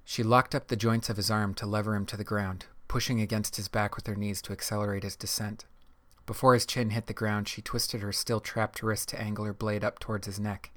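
A male audiobook narrator with a low voice. He reads in a measured, even way and keeps his pitch flat. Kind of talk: scripted narration.

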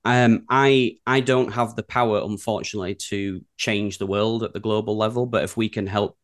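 Man, broad Yorkshire accent, lowish voice, casual interview chat, creative director guest. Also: fairly even intonation, moderate pace.

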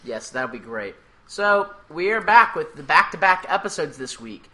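A man co-hosting a podcast in casual chat, talking quickly with asides and mild swearing. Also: fairly high pitch, sing-song, pushed and bright. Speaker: podcast co-host.

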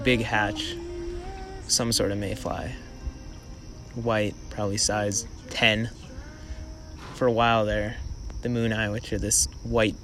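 A man quietly describing a mayfly hatch in casual, relaxed remarks, recorded outdoors on a river at dusk. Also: lowish voice.

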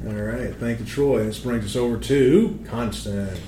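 A man's voice: mid-range voice, measured pace, mellow, reverberant, a little hiss or hum. Encouraging man hosting a school podcast. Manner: encouraging, joking with students. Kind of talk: casual interview chat.

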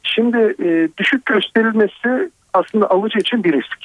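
A man on a telephone line, a financial advisor guest on call-in radio, explaining tax rules in a measured way with worked examples. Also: sits high, no echo. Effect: over a telephone line. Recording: thin, tinny phone line, dry.

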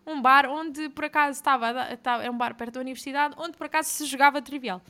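A young woman, co-hosting a casual book chat and recapping a plot in a mocking, animated way. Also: high voice, quick pace. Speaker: podcast co-host.

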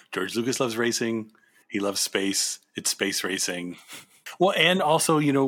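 Male podcast host, lowish voice, relaxed conversational delivery for pop-culture chat.

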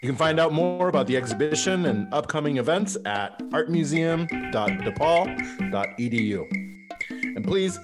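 A man's voice: fairly high pitch, expressive, normal speed, loud music behind the voice. A man hosting a podcast interview, talking loosely with many "like" fillers. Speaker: podcast host. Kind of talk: conversational interview.

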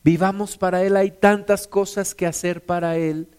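A man's voice: high voice, fairly even intonation, normal speed, smooth. A man preaching a sermon to his congregation, calling them sisters and brothers and acting out the quotes he tells with a raised voice. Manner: acts out quotes with raised, shouting voice.

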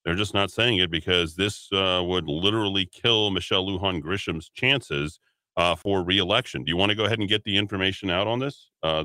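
A deep-voiced man with a sharp tone hosts a talk radio show, taking calls and reading items aloud so he can mock them. He's opinionated throughout, and the dry recording comes through a studio broadcast mic.

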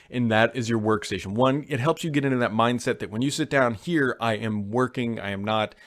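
A man's voice: medium pitch, a bit bright. Man casually fielding viewer tech questions. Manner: conversational, informal advice-giving. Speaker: host answering viewer questions.

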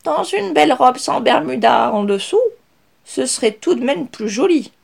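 A woman voicing an old grandmother rat who speaks slowly and primly, a little vexed. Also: high voice, expressive, gravelly, slightly rough, pitched above the performer's own voice, heavily acted.

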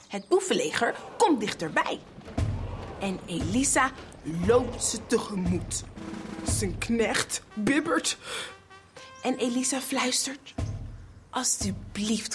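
Animated woman telling a children's story. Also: on the high side. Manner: animated, playful, addresses the listener.

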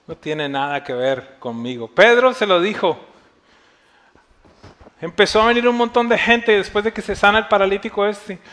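A male preacher with a high voice delivers a sermon as a lively storyteller. His tone is bright and forceful, and he acts out the dialogue of his story. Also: moderate pace. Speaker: pastor.

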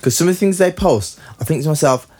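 A man's voice: fairly high pitch, animated, quick pace, a little mellow, husky. A man with an urban London roadman accent, chatting casually in heavy street slang, making his points emphatically and repeating phrases for insistence. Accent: London, urban street style. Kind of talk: casual, opinionated chat.

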